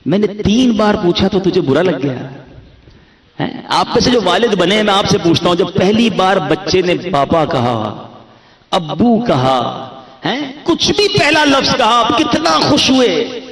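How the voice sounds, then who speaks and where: A man's voice: high-pitched, big pitch swings, a bit bright. Man, preacher, from Karachi, sermon, dramatic, acts out dialogue, echoey sound. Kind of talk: religious sermon to a gathering. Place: gathering near a graveyard.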